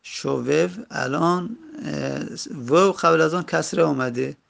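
A man teaching a grammar lesson, going slowly and repeating each example word. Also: fairly high pitch, creaky, fairly bright tone. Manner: slow, repetitive, drawing out example words. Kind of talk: Arabic grammar lesson in Persian.

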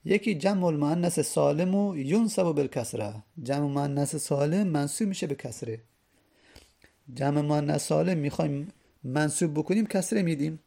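Man teaching grammar, gravelly mellow voice. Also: on the high side. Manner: methodical, repeats each rule and example; reads Arabic text aloud then explains it in Persian. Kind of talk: classroom lesson explaining grammar.

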